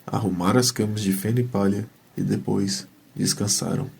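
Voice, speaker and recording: Male narrator, deep gravelly voice, little intonation, scripted fantasy storytelling, faint background noise. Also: steady tone, normal speed, darkish tone.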